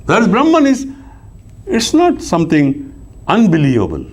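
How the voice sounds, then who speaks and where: A man lecturing on scripture as a philosophy teacher, who poses rhetorical questions and answers them himself, swinging between raised emphatic lines and low soft asides. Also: wildly swooping pitch, measured pace, slightly rough.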